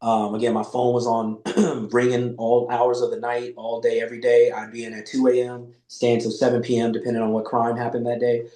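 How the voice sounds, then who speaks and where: Speaking brisk and monotone with few pauses, this forties-aged podcast guest has a mellow, medium-pitched voice. He spins loose, profane stories in a casual chat, performing the quoted lines. There's a roomy echo on the audio.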